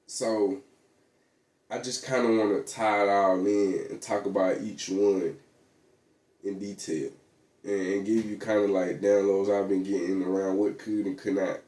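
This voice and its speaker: Low, dark-voiced man rambling in an echoey room. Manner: rambling, slangy, many fillers and restarts. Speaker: vlogger. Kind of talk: casual monologue.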